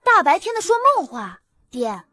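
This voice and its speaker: An actress playing a breezy, guileless young village daughter in a comic costume drama, chirpy and innocent. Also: female voice, sits high, big pitch swings, normal speed, bright, forceful tone, full character voice. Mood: cheerful, innocent. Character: breezy, guileless village girl, doting yet troublesome daughter.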